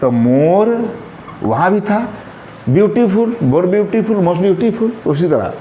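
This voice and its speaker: Male tutor, unhurried classroom delivery, lots of repetition, roomy sound. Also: high voice, sing-song, warm tone. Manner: slow, drawn-out, repeats words while writing on a board. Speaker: English teacher. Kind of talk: grammar lesson explained in Hindi. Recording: echoey room, faint background noise.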